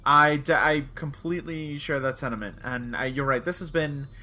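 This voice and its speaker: A man's voice: fairly high pitch, normal speed, pushed and bright. A man co-hosting a casual fan podcast, earnest and often restarting sentences. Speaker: podcast co-host.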